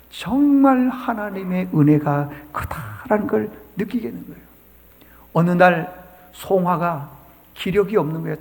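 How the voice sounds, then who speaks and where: A man's voice: sits high, gravelly, darkish tone. A male pastor preaching a sermon, telling a story with dramatic flair and acting out the characters' lines, recorded in a church sanctuary. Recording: church hall reverb.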